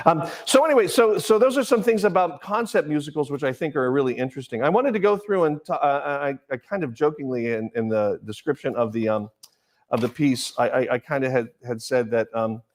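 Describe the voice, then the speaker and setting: A middle-aged man giving an informal lecture on the stage arts, rambling like a professor, with digressions, halting restarts and personal anecdotes. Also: medium pitch. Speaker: lecturer on musical theater.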